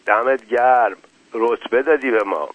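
A man's voice: medium pitch, dry recording, close to an everyday voice. A man voicing a wry, joking male deserter soldier at a gambling table. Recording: tinny phone-like, dry.

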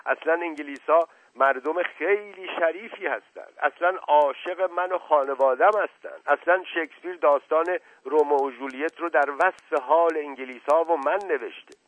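A man voicing an agitated, paranoid older male head of the family who shouts orders. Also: a little high, hardly any pauses, pitched above the performer's own voice, close to an everyday voice. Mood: ranting. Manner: shouting, commanding. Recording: dry tinny radio recording.

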